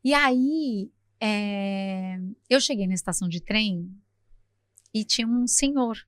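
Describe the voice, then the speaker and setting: Woman, middle-aged, from Brazil, chatty podcast guest, lively storytelling, dry close sound. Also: medium pitch, slow, dry recording.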